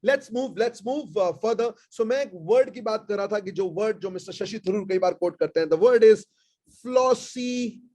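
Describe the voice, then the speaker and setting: Man, Indian English accent, online vocabulary teacher, Hindi-English mix, repeats words slowly, high voice. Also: darkish tone. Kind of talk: live online class.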